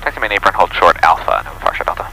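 A man talking as a pilot over the aircraft radio, reading back clearances to the tower in clipped radio phraseology. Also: low-pitched, very animated, rapid-fire, noisy background. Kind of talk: radio calls to air traffic control.

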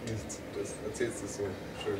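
A young man in casual chat making dry, ironic remarks. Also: normal speed. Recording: distant mic with clear background noise.

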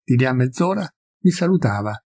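A man reading a literary story aloud in a measured narrating manner. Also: medium pitch, lively intonation, a little mellow, slightly rough. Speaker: audiobook reader.

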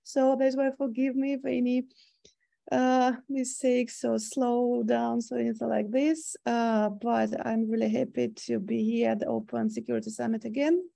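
Russian-accented woman with gravelly fry. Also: a little high, little pitch movement, normal speed, warm tone. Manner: hesitant, many fillers, thoughtful. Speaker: cybersecurity consultant presenting. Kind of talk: online conference presentation. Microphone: video call.

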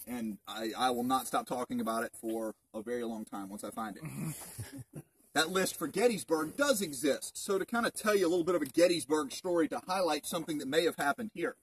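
Recorded from a few metres away on a distant outdoor mic, this man's voice sounds fairly high, a bit bright and slightly rough. He's a park ranger in his thirties leading a group through an informal, conversational history talk in open woods, full of rhetorical questions.

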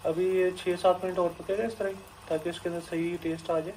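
A man's voice: sits high, level tone, fairly quick, a little mellow, slight background noise, low-quality recording. A man talking through a home cooking recipe step by step. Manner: plain step-by-step explaining. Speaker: cooking channel host. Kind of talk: cooking tutorial voice-over.

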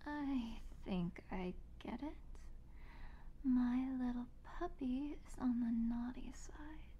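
A woman's voice: high-pitched, muffled recording, a little hiss or hum. A woman playing a possessive, sadistic yandere captor in an ASMR role-play, with a sweet, eerily obsessive, teasing manner. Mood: teasing, intrigued.

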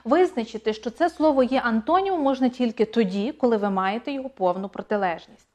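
A woman's voice: a little high, fast talker, a little mellow. Emphatic woman teaching an online lesson. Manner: clear, emphatic, repeats key points. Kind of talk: online exam-prep lesson.

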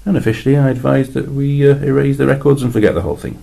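Reading a two-voice science fiction story, a man voices a weary male alien envoy in a mellow, mid-range voice with vocal fry. He talks fast, explaining in a dry, exasperated tone with sudden emphatic rises.

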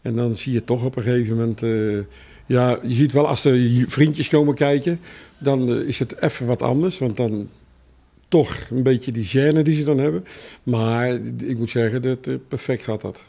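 A man who coaches a youth theater group, telling relaxed anecdotes in an interview. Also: mid-range voice, moderate pace. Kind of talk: interview answers.

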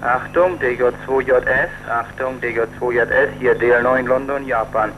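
A man's voice: medium pitch, fairly even intonation, moderate pace. Ham operator heard over shortwave radio, male, formal call sign delivery, muffled and hissy.

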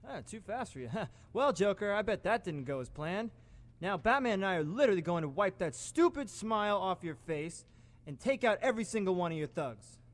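A man's voice: sits high, expressive, fairly quick, big-room sound. A man playing a cocky, wisecracking young superhero in an amateur radio play, chatty and sarcastic. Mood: cocky, teasing.

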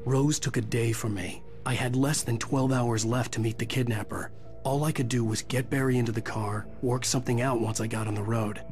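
Man acting a grim, hard-boiled writer, middling pitch. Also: steady tone, fairly quick, darkish tone, soft background music, lightly acted. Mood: grim, weary. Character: grim, driven male writer narrating his ordeal. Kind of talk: scripted game narration.

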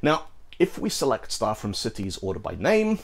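Filmed against a green screen in a studio, this scripted tech explainer features a middle-aged British programming video host. He speaks at normal speed with a medium pitch and some vocal fry. Animated and gesturing, he keeps things playful with asides to the viewer.

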